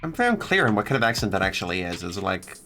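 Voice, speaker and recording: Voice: deep voice, very animated, very fast, bright, forceful tone. A streamer giving casual, wry playthrough commentary and reading game text aloud, with irreverent asides. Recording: music playing behind the voice.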